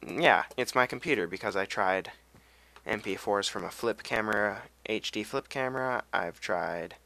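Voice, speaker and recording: A man's voice: on the low side, moderate pace, gravelly, pushed and bright. A young man giving casual, rambling commentary over a video game, humming and drifting off on tangents. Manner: rambling, goes off on tangents, hums and sings to himself. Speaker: gameplay commentator.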